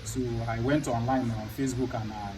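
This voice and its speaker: Nigerian accent guy explaining stuff haltingly, mid pitch, mic kinda far off. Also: steady tone. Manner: hesitant, repeating words. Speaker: client seeking help. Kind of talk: halting spoken account. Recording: noisy, distant mic.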